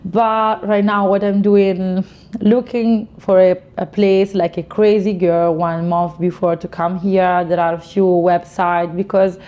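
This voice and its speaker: Casting: woman, late 20s, Italian accent, soft mellow tone, slightly low voice, casual interviewee, dull recording. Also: little pitch movement, a little slow. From Italy. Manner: informal, non-native English phrasing with frequent "you know". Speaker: interviewee, fashion model.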